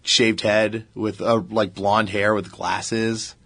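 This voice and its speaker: A man in casual chat, telling stories in an excited way with many restarts and fillers. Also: on the low side, slow pace, gravelly, no room sound.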